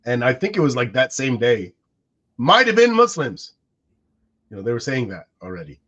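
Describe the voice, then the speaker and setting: A man in his forties, Arabic his first language, muses during a casual podcast where he's co-host, with many restarts. His mid-range voice has a sing-song lilt and a slightly bright tone, at normal speed. The sound is dull and lo-fi.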